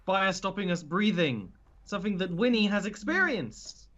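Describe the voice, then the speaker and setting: A man's voice: high-pitched, very animated, moderate pace, a bit bright, highs cut off. A man playing a tabletop game, talking casually in and out of character.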